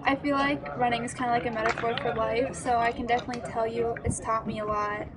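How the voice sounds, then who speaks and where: A woman's voice: a little high, level tone, fast, heavy background noise. A twenty-year-old woman, a college runner, speaking in a thoughtful, explanatory way in a documentary interview.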